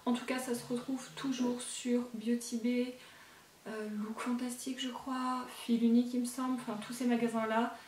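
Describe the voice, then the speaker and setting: A woman's voice: on the high side, little pitch movement, normal speed, darkish tone, reverberant, recorded from a distance, slight background noise. A woman beauty vlogger chatting casually to camera about her makeup collection, rambling with lots of fillers and self-corrections.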